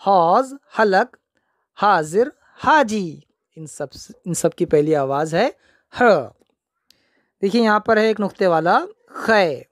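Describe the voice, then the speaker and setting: A man's voice: sits high, lively intonation, unhurried, no echo, clean studio sound. A man teaching young children the alphabet, repeating each word and answering his own questions.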